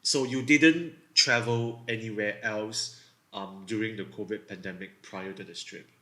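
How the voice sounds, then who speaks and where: A Singaporean man hosting a casual podcast chat, his low voice carrying a bright, forceful edge. He talks with a Singaporean English accent and stops often for fillers and restarts. The sound is roomy and echoey. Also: measured pace. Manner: hesitant, with many fillers and restarts. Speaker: podcast host.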